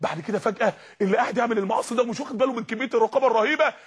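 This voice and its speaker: High, husky Egyptian man preaching passionately. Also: racing. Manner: impassioned, pleading, at times shouting. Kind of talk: sermon to young people.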